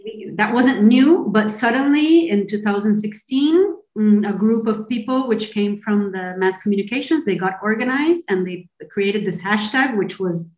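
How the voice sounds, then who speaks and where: A woman's voice: mid-range voice, darkish tone. Earnest Argentine-born woman in a roomy space. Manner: earnest, halting with frequent restarts and laughs. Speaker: interview guest, filmmaker. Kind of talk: conversational interview.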